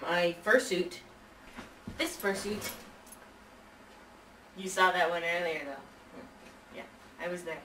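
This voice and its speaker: A woman's voice: mid-range voice, fairly bright tone. A woman being interviewed, answering in a casual, chatty way. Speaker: interviewee, fan community member. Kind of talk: casual chat. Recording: distant, echoey room, faint noise.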